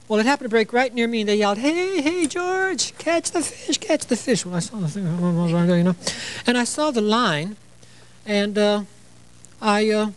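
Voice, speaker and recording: In a low-quality recording from a TV studio, an older Illinois man with a high-sitting voice presents a sewing demonstration, playful and chatty, frequently saying "you know" and adding jokes.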